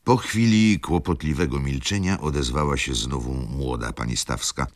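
A man reading a novel aloud as first-person narrator, measured and expressive. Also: extremely low pitch, no room sound, studio quality. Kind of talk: scripted audiobook narration.

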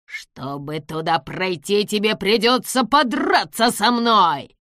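A woman voicing a spiteful, vengeful little man who gloats and shouts threats. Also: medium pitch, moderate pace, no room sound, studio quality, close to an everyday voice. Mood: gloating.

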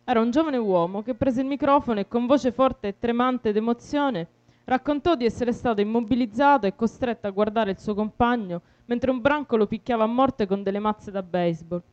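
Woman reading a story out loud, steady and earnest, smooth clear voice, dry dull-sounding recording. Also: a little high, a little fast, no room sound. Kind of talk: literary reading, first-person narration.

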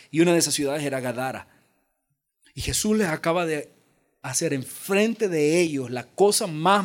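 Male pastor preaching, from el salvador, voice on the high side, jokes around and acts out the people in the story. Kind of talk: sermon.

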